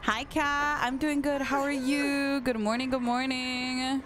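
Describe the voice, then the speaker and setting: She's a streamer in her late twenties, playing a game and casually replying to chat with easy laughter. Her voice is high-pitched but flat, and she speaks a little slowly over background music.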